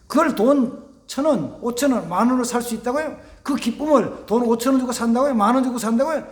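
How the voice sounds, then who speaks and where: A man preaching a sermon as pastor, animated, acting out family dialogues and dropping to near-whispers for emphasis. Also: very high voice, brisk, roomy sound. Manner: animated, acts out family dialogues in shifting voices. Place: church sanctuary.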